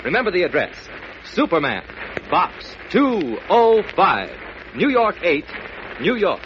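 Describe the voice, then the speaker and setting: Old radio announcer guy, kinda high voice, really emphatic and animated, fuzzy noisy broadcast. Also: measured pace, muffled recording. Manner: emphatic, addressing young listeners. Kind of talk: old-time radio announcer, scripted promotional read.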